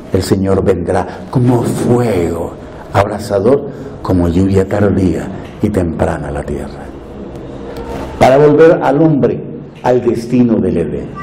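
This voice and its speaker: A man preaching a sermon with impassioned, drawn-out phrasing, dropping to a hush and rising to loud cries. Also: lowish voice, slight background noise, poor audio. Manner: impassioned, swinging from hushed to loud.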